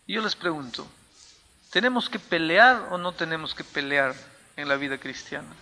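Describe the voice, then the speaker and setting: A man's voice: fairly high pitch, expressive, normal speed, sharp tone, long reverb tail. A male pastor preaching a sermon, emphatic and telling a story from the pulpit.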